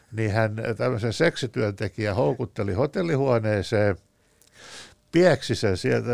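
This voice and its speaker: Low gravelly man telling anecdotes. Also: darkish tone, no echo. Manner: thoughtful, anecdotal, with many hesitations. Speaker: guest author. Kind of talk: discussion on a talk show.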